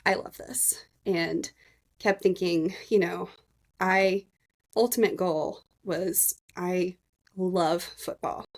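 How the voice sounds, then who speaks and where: A woman's voice: medium pitch, creaky. A woman in her thirties hosting a podcast, telling her own story in a casual, earnest and emotional way, speaking straight to her listeners. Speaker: podcast host.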